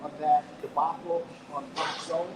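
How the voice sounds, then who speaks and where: A man's voice: fairly high pitch, flat delivery, normal speed, noisy background. A man talking on a video call from a gym, rambling and repeating himself while his audio keeps cutting out and fading. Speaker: guest. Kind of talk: casual video call chat.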